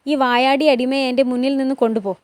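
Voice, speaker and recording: A woman's voice: high voice, flat delivery, fast talker, no room sound, lightly acted. A woman doing a proud, scornful noblewoman.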